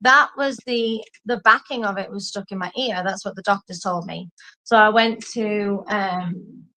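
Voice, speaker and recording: A woman's voice: medium pitch, measured pace, poor audio. A woman chatting casually as a co-host, telling stories in a rambling, self-mocking way with some swearing. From lived in Singapore, English family. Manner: rambling, animated storytelling with self-mockery and swearing. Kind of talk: casual chat.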